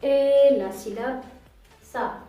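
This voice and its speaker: A woman teacher with a fairly high voice leads a slow, patient reading lesson for small children, sounding out each syllable and repeating it. She sounds far from the microphone in a very echoey room, with faint music behind her. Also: mellow. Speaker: kindergarten teacher.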